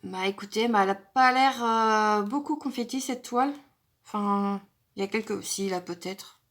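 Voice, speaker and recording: A woman's voice: medium pitch, normal speed, fairly bright tone. A woman vlogger chatting casually through an unboxing, thinking aloud with frequent hesitations and fillers. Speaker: crafting vlogger.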